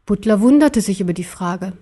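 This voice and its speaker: A woman narrating a fairy-tale storybook aloud in a calm, even way. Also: mid-range voice, brisk, slightly rough. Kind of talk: storybook reading.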